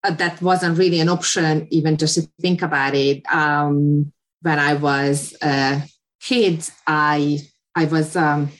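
Hesitant Hungarian-born woman guest, low voice. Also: fairly even intonation, slow. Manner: hesitant, restarting often. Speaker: guest photographer. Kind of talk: interview answers.

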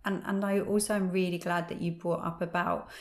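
A woman's voice: fairly low pitch, level tone, fairly quick. A woman hosting a podcast, affirming and thinking aloud in casual chat. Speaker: podcast host. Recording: echoey room.

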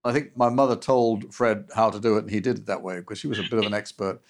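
A man's voice: on the low side, fairly even intonation. Older man. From United States. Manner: halting, with restarts and soft trailing endings. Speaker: interview guest. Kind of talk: reflective personal recollection.

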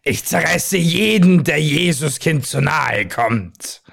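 A man's voice: on the high side, animated, takes it slowly, gravelly, fairly bright tone, exaggerated voice. Man doing a boastful roaring storybook lion. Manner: boastful, threatening.

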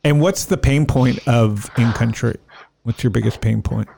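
A man hosting a casual interview, asking loose, rambling questions that start over several times. His voice is low-key and mellow, with a gravelly creak. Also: moderate pace, a little hiss or hum.

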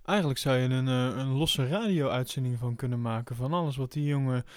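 A man hosting a podcast in casual chat, halting with frequent fillers. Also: medium pitch, dry recording. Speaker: podcast host. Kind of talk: casual chat about motor racing.

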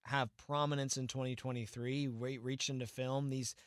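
A man in a casual sports podcast chat, talking with animated, opinionated energy. His pitch sits in an ordinary middle range. The sound is close and dry, with no room around it. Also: clear, resonant tone, dry recording. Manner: animated, opinionated, quick asides and mock quotes. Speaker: podcast co-host.

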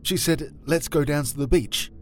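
A man's voice: a little high, normal speed, natural voice. A man playing a young male suspect giving short, blunt answers in a re-enacted police interrogation tape. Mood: blunt, defensive.

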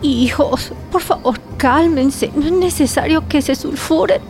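Brief: woman voicing a sick old mom, coughing, weak and pleading, high slow voice, music underneath. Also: darkish tone. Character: frail sick elderly mother, gentle and soothing. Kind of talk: amateur radio drama.

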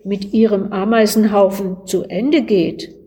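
A woman reading the lines of a calm, worldly old lord in a Christmas story, measured and gently urging. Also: mid-range voice, lightly acted.

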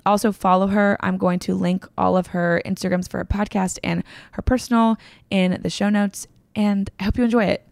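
A woman's voice: mid-range voice, level tone, normal speed, gravelly, darkish tone, dry recording. A woman hosting a podcast, chatting casually and gushing, with lots of filler words. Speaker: podcast host. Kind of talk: casual podcast intro and interview. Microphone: remote call recording.

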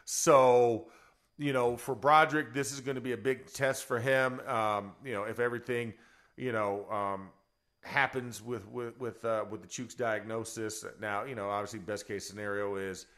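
A man's voice: medium pitch, fairly even intonation, moderate pace, fairly bright tone. A man who is a former offensive lineman, co-hosting a sports radio show in a rambling, chuckling way. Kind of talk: casual sports talk.

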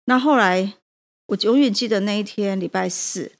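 A woman's voice: medium pitch, moderate pace. A woman, a prison teacher and café owner, telling a personal story with emotion and hesitant restarts.

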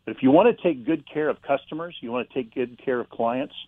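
Calm, unhurried man on a dull line. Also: mid-range voice, no echo. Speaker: author guest. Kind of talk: interview about faith and slowing down.

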